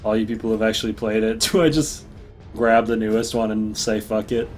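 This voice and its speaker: Low-voiced laid-back male streamer. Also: fairly even intonation, fairly quick, a little mellow, soft background music. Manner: rambling, laughs often, swears casually. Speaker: gaming streamer. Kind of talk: casual let's-play commentary.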